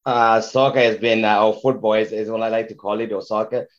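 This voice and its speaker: Deep-voiced man from Zimbabwe, hesitant. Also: little pitch movement, a little fast, dull audio. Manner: hesitant, many fillers. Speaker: guest soccer coach. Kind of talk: casual interview.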